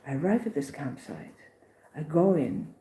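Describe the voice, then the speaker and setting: A woman recounting her pilgrimage day in a casual, animated vlog, with many restarts and acted-out voices. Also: low voice, moderate pace, echoey room, rough recording. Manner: animated, acts out others' voices, restarts often. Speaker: pilgrim vlogger.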